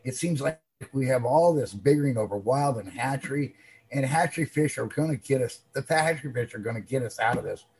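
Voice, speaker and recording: Upset husky man giving public comment. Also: medium pitch, darkish tone, poor audio. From Washington State. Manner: upset, halting, repeats words.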